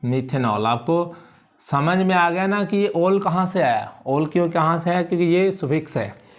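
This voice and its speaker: A male chemistry teacher lecturing in a classroom, his voice sitting a little high for a man. He keeps checking that students understand and calls them "beta". He drags out key terms slowly so they can note them down. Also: lively intonation. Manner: checks understanding with repeated questions; repeats key words slowly for dictation.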